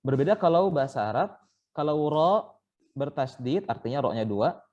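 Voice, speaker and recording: A man's voice: on the high side, expressive, normal speed, a little mellow, highs cut off. A man teaching Quran recitation in an online training session, patiently explaining step by step and sounding out letters as examples. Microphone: online call.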